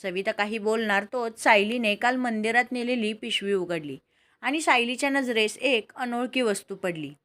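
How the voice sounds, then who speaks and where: Calm female storyteller. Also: fairly high pitch, normal speed. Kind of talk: scripted story narration.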